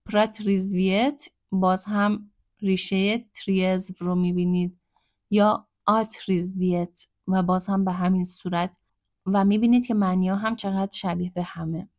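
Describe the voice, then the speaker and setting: A woman teaching a language lesson, explaining words patiently and repeating phrases slowly. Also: medium pitch, flat delivery, darkish tone, no echo, clean studio sound.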